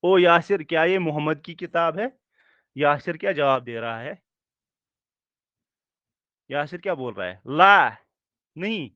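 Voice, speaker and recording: Man teaching, slow and repetitive. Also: fairly high pitch, sharp tone, no echo. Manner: explains slowly, repeats words, checks in with "haan?". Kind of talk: recorded online lecture. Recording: dull dry lo-fi recording.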